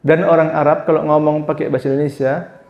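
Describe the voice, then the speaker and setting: A man's voice: fairly high pitch, flat delivery, fast talker, roomy sound, dull audio. A man teaching Quran recitation, drawing out sounds and explaining them patiently.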